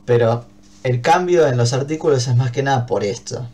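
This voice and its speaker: Argentine guy teaching english class, mid pitch, patient, keeps checking everyone's following. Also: moderate pace, warm tone. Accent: Argentine Spanish. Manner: patient, checks understanding with frequent "¿bien?". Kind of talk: online class explanation.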